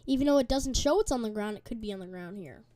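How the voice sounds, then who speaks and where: A woman's voice: fairly high pitch, animated, fast, warm tone, a little hiss or hum. A woman hosting a live weather stream, reading chat aloud between urgent storm warnings while eating. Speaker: livestream weather host. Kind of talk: live storm-tracking commentary.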